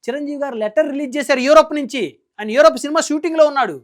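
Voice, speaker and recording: Speaking at a fast clip in an extremely high-pitched voice, a man delivers emphatic, scolding political news commentary. He keeps driving his points home with rhetorical questions.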